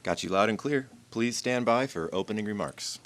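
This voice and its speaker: A man's voice: lowish voice, normal speed. A man working as a mission control communicator, giving formal, clipped, procedural radio calls.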